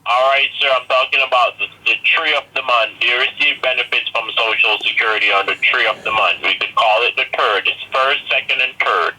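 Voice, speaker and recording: A man with an Indian accent pushing a scripted pitch on a phone call, halting and repeating himself as he insists. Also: pushed and bright. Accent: Indian English. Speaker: phone scammer posing as a government agent. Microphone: telephone. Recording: noisy phone line.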